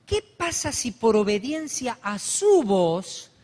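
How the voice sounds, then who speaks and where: A man preaching a sermon, building to loud, fervent emphasis. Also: very high-pitched, very animated, slow. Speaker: pastor. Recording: long hall reverb.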